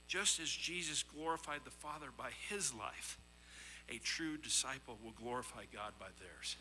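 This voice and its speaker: A man preaches a sermon, reading scripture and telling illustrative stories in an earnest, emphatic way, leaning on rhetorical questions and repetition. His mid-range voice has lively intonation, a measured pace, and a sharp tone. The recording is rough, with a little hiss or hum.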